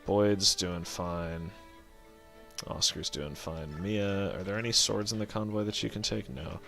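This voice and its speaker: A man's voice: deep voice, unhurried, gravelly, pushed and bright, faint music behind. A man giving casual gameplay commentary as a let's play host, rambling, correcting himself and swearing offhand as he thinks aloud.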